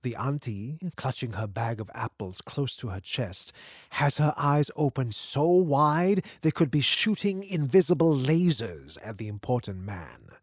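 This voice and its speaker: A man's voice: medium pitch, lively intonation, a little slow. A man narrating a literary story from a script.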